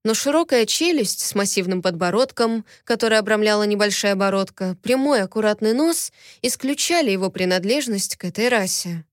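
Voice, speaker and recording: A woman reads a first-person novel aloud with steady expression. Her voice sits mid-range, recorded dry and close with no room sound. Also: mid-range voice, fairly quick, hardly any pauses, no echo. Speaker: audiobook narrator. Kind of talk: first-person audiobook narration.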